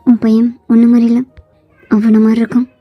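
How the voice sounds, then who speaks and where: A woman's voice: on the high side, monotone, a little fast, slightly rough, no echo, lo-fi sound, faint music behind. A woman voicing a stern, curt middle-aged father in a fan fiction voiceover. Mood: cold. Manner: curt and clipped.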